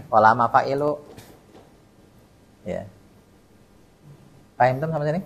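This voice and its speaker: A man teaches Arabic grammar slowly in a mosque study session, running a call-and-response lecture where he quizzes students by name and lets the class finish his words. His mid-range voice is gravelly yet animated, and the recording sounds muffled.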